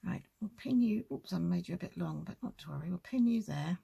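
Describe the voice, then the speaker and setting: Husky woman, chatty crafting. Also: lowish voice, expressive, brisk, mellow. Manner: chatty, thinking aloud while working. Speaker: crafting tutorial host. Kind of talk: casual crafting tutorial.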